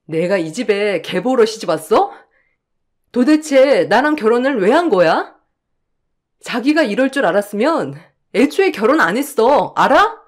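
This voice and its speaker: A woman's voice: on the high side, very animated, a little slow. A woman playing a hurt young wife who protests emotionally in a radio drama. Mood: indignant.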